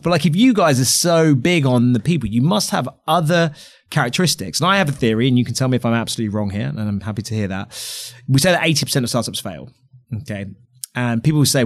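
A man hosting a podcast interview, chatty and enthusiastic, agreeing often and laying out his own theories. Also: medium pitch. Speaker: podcast host.

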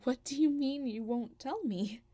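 A woman's voice: high voice, unhurried, warm tone, faint music behind. A woman voicing an anguished guardian who brings lost people home, stammering, pleading and dropping into whispers in an audio drama monologue. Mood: frantic.

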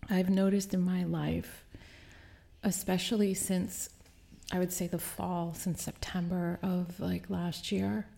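A woman hosting a podcast, talking alone in a slow, hesitant, reflective way and often sinking into a whisper, with a low morning voice. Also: level tone, gravelly, warm tone. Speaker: podcast host. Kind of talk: casual reflective monologue.

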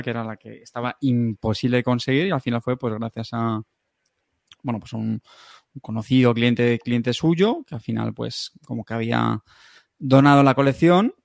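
A man, hosting a casual chat podcast and rambling warmly with fillers. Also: medium pitch, creaky, no room sound, clean studio sound.

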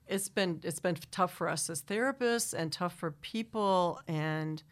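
A middle-aged woman from Wisconsin with a Wisconsin accent talks into a studio microphone in a slightly low voice. She rambles through long, self-interrupting answers and laughs easily between thoughts. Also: unhurried. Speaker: singer-songwriter guest. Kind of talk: casual interview chat.

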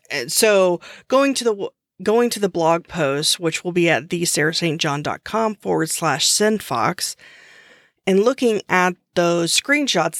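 A woman hosting her own podcast talks through a subject in a relaxed, unscripted way, often restarting a sentence as she goes. Her delivery is slow and easygoing. The sound is dry and close, with no room echo. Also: lowish voice. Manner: chatty, restarts often, uses fillers. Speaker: podcast host. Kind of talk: casual solo podcast explainer.

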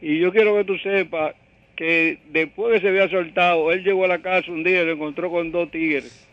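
Caller on a dull phone line. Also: male voice, high-pitched, steady tone, fairly quick, no echo. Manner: hesitant, filler-heavy storytelling. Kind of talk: storytelling over the phone.

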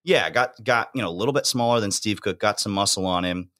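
Laid-back low-voiced man, chatty. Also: fast talker, fairly bright tone. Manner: laid-back, laughing, slangy. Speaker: fitness podcast host. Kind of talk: casual chat.

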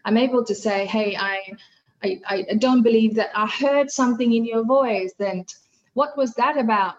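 Speaking at a moderate pace in a voice on the high side, a middle-aged Fijian woman, originally a Hindi speaker, appears as an animated podcast guest. The casual interview talk is full of fillers and restarts, and the audio lacks its high frequencies.

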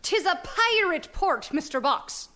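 A woman's voice: extremely high pitch, expressive, measured pace, sharp tone, heavily acted. A woman playing a brash, mouthy female pirate captain in an audio comedy. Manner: brash, teasing.

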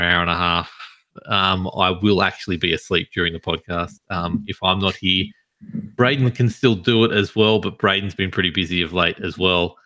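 A man's voice: low-pitched, bright, forceful tone. A tired man hosting a casual podcast and stumbling over his words. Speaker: podcast host.

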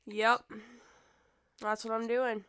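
Woman, hoarse, podcast co-host, casual wry chat, smooth underneath, dry. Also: on the high side, takes it slowly, no echo. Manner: relaxed, wry back-and-forth. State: hoarse from a virus.

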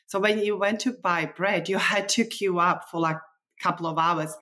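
On the low side, her voice comes across pushed and bright at a normal speed. The woman, a nutritionist guest from the former Czechoslovakia, enthusiastically chats through casual stories using non-native phrasing.

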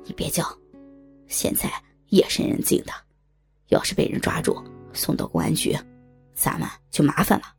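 A woman voicing a pushy, smooth-talking man who speaks in a low, half-whispered coaxing way. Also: big pitch swings, moderate pace, pauses often, darkish tone, faint music behind, exaggerated voice.

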